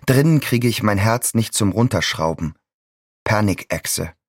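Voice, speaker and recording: A man's voice: fairly low pitch, animated, measured pace, no room sound, clean studio sound. An actor in his twenties playing a bitter 26-year-old son stuck in his childhood room, in a sardonic, brooding inner monologue. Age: 20s.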